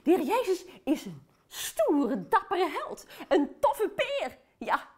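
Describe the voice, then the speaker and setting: A woman's voice: very high-pitched, huge pitch swings, slow pace, a little mellow, exaggerated voice. A woman playing a cheerful, chatty aunt who tells a Bible story to children and talks to them directly.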